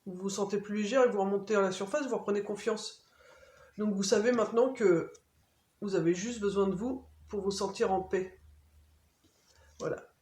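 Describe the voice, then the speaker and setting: A woman talks viewers through an oracle card reading in a soft, comforting tone. She hesitates often and fills gaps with small fillers. Her mid-pitched voice rings in an echoey room. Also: moderate pace, pauses often. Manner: gentle, soothing, hesitant with many fillers.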